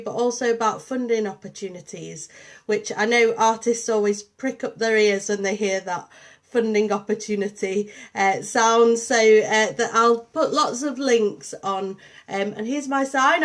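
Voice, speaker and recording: With a mid-range voice and an accent from Liverpool and St Helens tinged with Yorkshire, a woman from Liverpool, England, hosts a casual livestream. She's an artist and programme coordinator, and she greets viewers warmly in a chatty style with plenty of ums.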